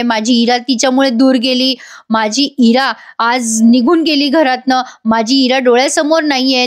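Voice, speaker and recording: A woman's voice: high voice, close to an everyday voice. A woman voicing a bitter middle-aged father in a serial recap, speaking in angry outbursts. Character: stern hurt father, middle-aged man.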